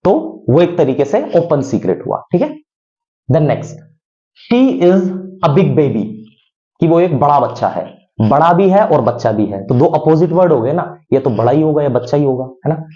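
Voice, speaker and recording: A man teaching a lesson, explaining in Hindi and reading English examples slowly and deliberately. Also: a little high, big pitch swings, dark tone. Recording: dull lo-fi sound.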